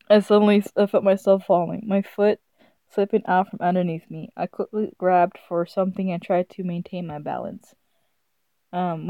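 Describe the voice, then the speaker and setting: A woman streams a visual novel, giggly and amused, casually reading the text aloud and stumbling over it while game music plays behind her. Her voice is mid-range with no echo, and the sound is slightly dull.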